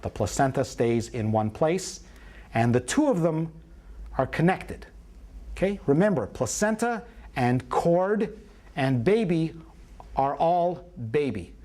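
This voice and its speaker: Doctor lecturing, fairly high voice. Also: male voice, sing-song, slow pace, darkish tone. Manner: playful, folksy storytelling with audience questions. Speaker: obstetrician teaching a prenatal class. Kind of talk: live classroom lecture.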